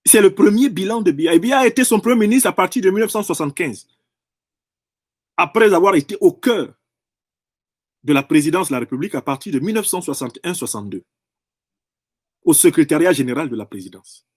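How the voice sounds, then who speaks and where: A man's voice: high voice, lively intonation, a little fast, long pauses, a little mellow, slightly rough, dry recording, clean studio sound. A man delivering an impassioned political monologue in French, emphatic and professorial, often repeating and rephrasing phrases to drive a point home. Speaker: political commentator.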